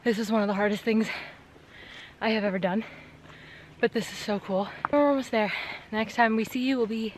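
A woman's voice: on the high side, fairly even intonation, moderate pace, a little hiss or hum. A young woman in her twenties, chatty and upbeat, laughing often, filming a hiking vlog with a handheld camera outdoors. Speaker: vlogger. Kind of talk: casual vlog narration. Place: outdoors on a forest mountain trail. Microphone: handheld camera at arm's length.

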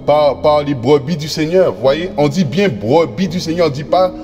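A man preaching a sermon, reading scripture slowly and often stumbling over repeated words and fillers as he addresses his brothers and sisters. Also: on the high side, darkish tone, big-room sound. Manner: reads verses slowly and deliberately.

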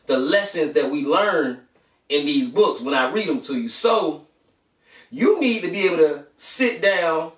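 Speaking in an animated, unhurried way, a higher-pitched young American man hosts a bedtime story show for children, chatting casually and reading aloud. He addresses listeners familiarly with informal slang. The small room at home sounds echoey through a distant camera microphone.

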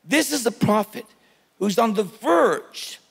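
A male pastor preaches with a high, gravelly voice that swings widely in pitch. He talks slowly and emphatically, urging the congregation along, and long church reverb trails each phrase. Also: lively intonation. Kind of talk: sermon. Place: church sanctuary.

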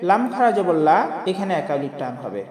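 A man teaching Quran recitation, who speaks patiently to viewers and repeats each syllable slowly. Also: sits high, big pitch swings, a little mellow. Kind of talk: pronunciation lesson. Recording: echoey room with long reverb.

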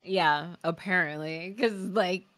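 A woman guest chatting casually while gaming, giggly and quick to apologize. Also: fairly low pitch, fairly bright tone, a little hiss or hum. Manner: apologetic, giggly, slow-paced. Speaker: streamer guest.

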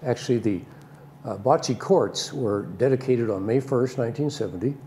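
An older man answering in a studio interview, unhurried and hesitant with dry humor. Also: mid-range voice, mellow, a little hiss or hum. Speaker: bocce club member. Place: TV studio set.

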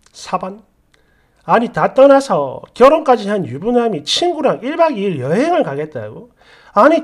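A woman's voice: mid-range voice, darkish tone. A woman narrating a story for a story channel and reading viewer comments aloud, with conversational, opinionated asides.

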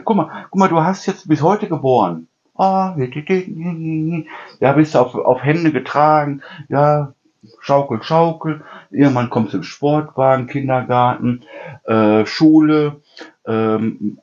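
A man's voice: mid-range voice, darkish tone. A middle-aged man chatting casually as host of a home cooking channel, rambling from story to story and tagging his sentences with "ne?". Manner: chatty storyteller, constant "ne?" tags, mimics people. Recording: dull lo-fi sound.

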